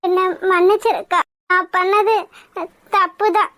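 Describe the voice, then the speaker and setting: A woman's voice: very high voice, steady tone, a little slow, a bit bright. A woman voicing a secretive, guilty young woman in a cartoon, pleading and tearful. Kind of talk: cartoon voice acting.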